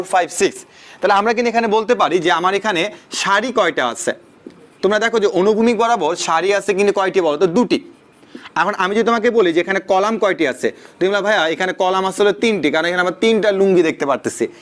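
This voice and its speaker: A man's voice: high voice, fairly quick. A young man tutoring a math class and mixing in English words. He keeps asking rhetorical questions to his students. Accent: Bangladeshi Bengali. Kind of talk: online class lecture.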